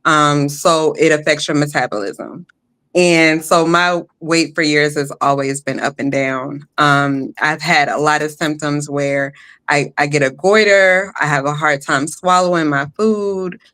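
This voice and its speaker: A woman guest sharing a personal testimony, hesitant with many pauses and light laughs. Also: low-pitched, steady tone, a bit bright.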